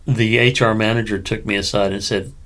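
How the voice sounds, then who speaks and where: A man's voice: lowish voice, level tone, a bit bright. A middle-aged man co-hosting a casual podcast, talking in a thoughtful, reflective way. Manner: thoughtful, reflective, unhurried with fillers. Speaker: co-host.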